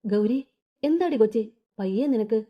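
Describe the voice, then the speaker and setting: A woman's voice: a little high, animated, moderate pace, dull audio. Woman voicing a fussing, caring older woman. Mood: anxious. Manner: fussing, tender.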